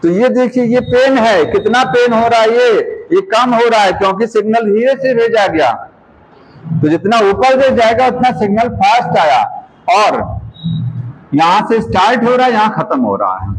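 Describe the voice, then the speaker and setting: Guy teaching a class, fairly high voice, keeps asking "got it?", repeats key words. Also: animated, a little hiss or hum, poor audio. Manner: keeps quizzing the students with quick questions; repeats key terms to drill them. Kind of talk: classroom lecture.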